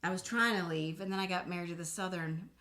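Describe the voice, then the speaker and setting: Bright, animated woman. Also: on the low side, fast talker. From Boston. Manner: animated storyteller, acts out voices. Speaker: podcast co-host. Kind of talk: casual chat.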